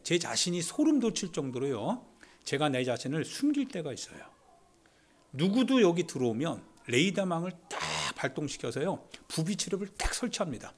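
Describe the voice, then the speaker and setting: Male pastor, emotional sermon delivery; slightly high, very animated pitch; hushed asides, loud climaxes, repeated phrases. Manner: emotional, swings from hushed whispers to loud exclamations.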